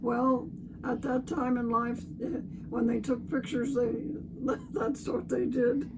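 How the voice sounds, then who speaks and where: A woman of about ninety, a grandmother reminiscing casually in brief, halting answers. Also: on the high side, little pitch movement. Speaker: grandmother being interviewed about her life. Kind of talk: casual reminiscing over old photos. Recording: distant mic, heavy background noise.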